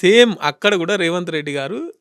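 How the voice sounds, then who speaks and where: A man's voice: high-pitched, expressive, brisk, a bit bright, smooth, no room sound. A male TV news interviewer pressing his guest with challenging, pointed questions. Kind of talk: political TV interview.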